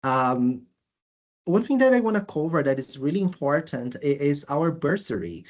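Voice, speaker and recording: A Brazilian-accented presenter from Brazil walks through course details in a language school webinar, her medium-pitched, sing-song voice coming through lo-fi audio. Her delivery is halting, full of filler uhs and restarts.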